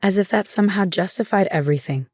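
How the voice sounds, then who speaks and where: A woman reading a first-person story as scripted narration, in a steady, measured way. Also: mid-range voice, slightly rough, no room sound, clean studio sound.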